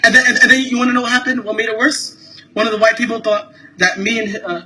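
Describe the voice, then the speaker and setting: An upset, tearful man vents into his phone camera at an airport, his voice pitched high and sharp. He talks fast, repeats himself and curses in a heated rush. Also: little pitch movement, slight background noise. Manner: heated, rapid, repetitive, cursing. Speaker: passenger filming an incident. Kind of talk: agitated first-person vlog rant. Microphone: handheld phone camera.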